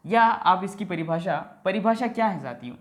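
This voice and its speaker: A man's voice: sits high, animated, normal speed. Male teacher quizzing his class. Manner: asks the class questions and answers them himself; keeps checking in with "ठीक है". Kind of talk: exam-prep grammar lesson.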